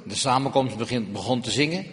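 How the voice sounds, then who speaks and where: A man's voice: medium pitch, brisk. A man interpreting a testimony live, with frequent restarts and hesitations. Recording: long reverb of a large hall.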